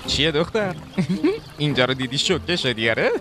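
A man's voice: a little high, big pitch swings. An actor dubbing a cocky young king who teases and boasts. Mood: teasing. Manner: mocking, boastful. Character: cocky young king, teasing his sister. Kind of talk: film dubbing.

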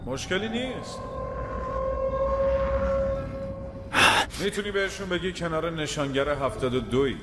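A man's voice: fairly high pitch, very noisy, lightly acted. A man playing a menacing hunter who calls out taunts from a distance in dubbed film dialogue. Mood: taunting.

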